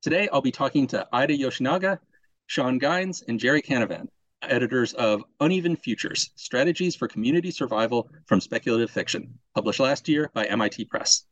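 A man hosting a podcast, giving a clear, formal introduction to his guests. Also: mid-range voice, animated, a little fast, fairly bright tone, no echo. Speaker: podcast host. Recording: dry lo-fi audio.

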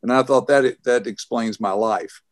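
An older man, answering interview questions as an author in a thoughtful, halting way with many restarts. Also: mid-range voice, no room sound, studio quality. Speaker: author and guest.

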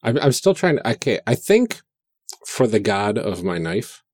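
Trying a tabletop game for the first time, a player builds his character while talking hesitantly with many fillers in casual chat. His lowish, slightly mellow voice is sing-song at normal speed, recorded in studio quality with no room sound.

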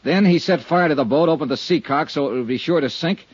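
A man's voice: fairly high pitch, fast, breathy edge, no echo. An actor playing a blunt, world-weary male insurance investigator in an old radio drama, narrating in clipped, sardonic tones. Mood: accusing. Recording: dull lo-fi old radio broadcast.

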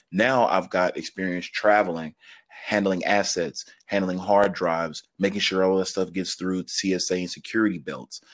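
A man in his thirties, a podcast guest, telling stories in quick, laughing, filler-heavy casual talk. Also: low voice, no echo, clean studio sound. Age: 30s. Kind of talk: casual interview storytelling.

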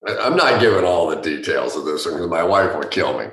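A man telling anecdotes in an interview, animated and acting out what others said. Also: sits low, fairly quick, reverberant. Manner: animated, acts out others' lines. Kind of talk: anecdotal storytelling.

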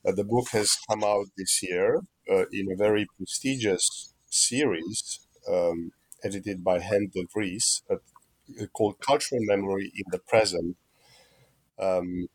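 A man with a lowish voice conducts an academic interview in Chicago. He speaks haltingly, breaking his sentences with frequent ums and uhs. The sound is close and dry, with no room echo.

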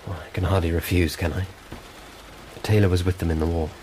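Deep-voiced, tired British intelligence man played by an actor. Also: flat delivery, brisk, darkish tone, a little hiss or hum, lightly acted. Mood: guarded, defensive. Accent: British English. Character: John, tired, reserved British intelligence officer and husband. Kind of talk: naturalistic spy drama dialogue.

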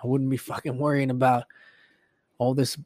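A man's voice: mid-range voice, little pitch movement, normal speed, darkish tone, dry recording, clean studio sound. A man in his late twenties hosting a solo podcast, reflecting casually in a rambling way with lots of fillers and swearing. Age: 20s. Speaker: podcast host.

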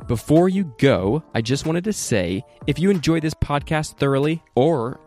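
A man hosting a podcast, talking in a relaxed, laid-back way during a casual interview. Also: on the high side, normal speed, faint music behind. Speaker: podcast host.

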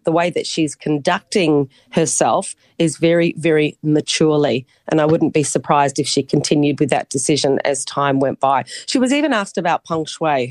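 Broad Kiwi-accented woman sports commentator, low-pitched. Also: a little mellow, no echo. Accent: broad New Zealand. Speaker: sports commentator reporting from the Olympics. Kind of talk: live radio cross, opinionated sports report.

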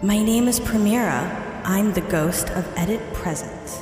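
A woman voicing a calm echoing ghost guide. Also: mid-range voice, music in the background. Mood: patient. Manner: soft, unhurried, dryly patient. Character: calm ethereal female ghost guide, deadpan. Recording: heavy echoey reverb.

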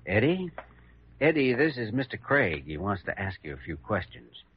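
An actor with an American accent playing a calm, protective young hospital doctor, measured and earnest, in an old-time radio drama. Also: male voice, fairly low pitch, background noise. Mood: polite, composed. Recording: muffled vintage radio recording.

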